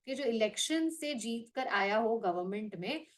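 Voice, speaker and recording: A woman with an Indian accent, teaching English vocabulary to her channel's viewers in an animated way, switching between Hindi and English. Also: fairly high pitch, a little slow. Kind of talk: explaining vocabulary to the camera.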